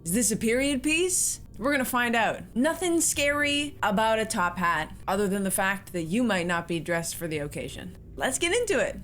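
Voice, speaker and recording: A woman's voice: medium pitch, sing-song, normal speed, hardly any pauses, a bit bright, faint music behind. A woman hosting a horror movie reaction, chatting casually with giggly, exclaiming remarks.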